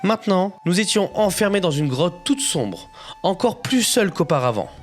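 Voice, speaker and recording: A young adventurer, played by a man narrates his own storybook tale. His high voice moves expressively up and down, full of suspense, with clear music behind. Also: very animated, normal speed. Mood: suspenseful. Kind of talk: dramatic scripted first-person storybook narration.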